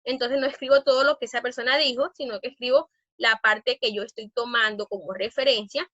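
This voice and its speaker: A woman teaching a grammar lesson in an emphatic way, often pausing on fillers and restarting phrases. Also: fairly high pitch, fairly even intonation, pushed and bright, no echo, muffled recording.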